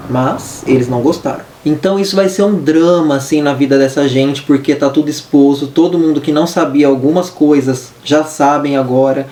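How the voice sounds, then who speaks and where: A man's voice: fairly high pitch, dark tone. A Brazilian man chatting casually through a book review, with a lisp and hissy s sounds from wearing braces. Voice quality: lisping, hissy sibilants from wearing dental braces. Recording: roomy echo, distant mic, faint noise.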